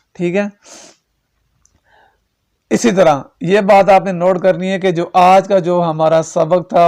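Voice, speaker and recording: A man with a Pakistani Urdu accent teaching Quran reading, slowly chanting drawn-out syllables and then explaining quickly while checking in with the learner. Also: sits high, a little mellow. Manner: checks in with repeated questions to the learner. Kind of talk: recorded tajweed lesson.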